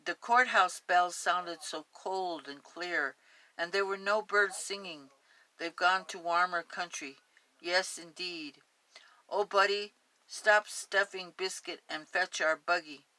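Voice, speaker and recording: A woman doing an excitable old lady in her sixties, eager exclamations, Spanish accent, bright lively tone. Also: sits low, takes it slowly, hardly any pauses, exaggerated voice, poor audio. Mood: excited.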